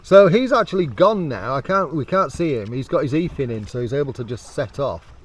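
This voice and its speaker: With an expressive, mid-range voice at a fairly quick clip, a British vlogger tests gear while kayaking on a canal. He chats to camera and banters with his friends in a chummy way, against clear outdoor sounds of water and boats.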